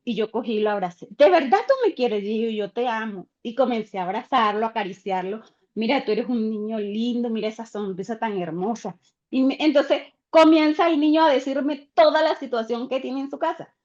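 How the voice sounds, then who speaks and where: A woman teacher tells a story from her classroom in a bright, fairly high voice, jumping into the voices of the people she quotes. Her sound comes through dull and lo-fi, like audio from a video call. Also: brisk. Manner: animated, acts out quoted voices. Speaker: teacher sharing an experience in a class.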